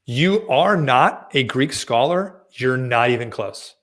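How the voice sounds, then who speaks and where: A man's voice: medium pitch, animated, slow, a bit bright. A man co-hosting a casual podcast discussion, emphatic and often restarting his sentences. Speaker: podcast co-host.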